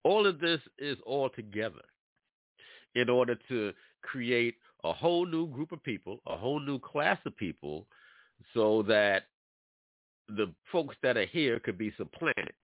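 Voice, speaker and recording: A New York man hosts an internet radio show, delivering a casual, animated talk-radio monologue in an unhurried, medium-pitched voice. He preaches straight at his listeners while sounding congested from allergies. The recording is dry, with a tinny, phone-like quality.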